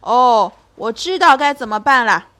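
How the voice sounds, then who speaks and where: A woman voicing a very old, half-deaf and sly male circus bear with a slow, drawling voice. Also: fairly high pitch, animated, a bit bright. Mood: calm.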